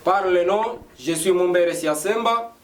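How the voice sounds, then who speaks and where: Male teacher from DR Congo, beginner English class, high-pitched, roomy distant recording. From Democratic Republic of the Congo. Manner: slow, repetitive, spelling out each word. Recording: echoey room, voice from a distance.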